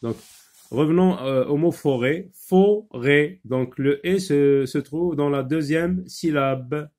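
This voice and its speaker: Slow, patient man teaching phonics. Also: on the high side, warm tone. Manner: slow, patient, with many pauses and fillers; switches between French and Arabic explanations. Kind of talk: phonics lesson.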